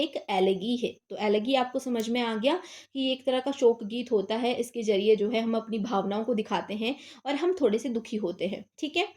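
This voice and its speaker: A woman's voice: fairly high pitch, darkish tone. A young woman teaching literature terms in a casual exam-prep lecture, talking conversationally and asking and answering her own questions.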